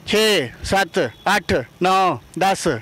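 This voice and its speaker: Brief: male street host, bright high voice, pushy and teasing with strangers. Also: extremely slow. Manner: pushy, playful, coaxing passers-by. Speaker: comic street interviewer and prankster. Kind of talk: comedic street interview. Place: outdoors on a busy street.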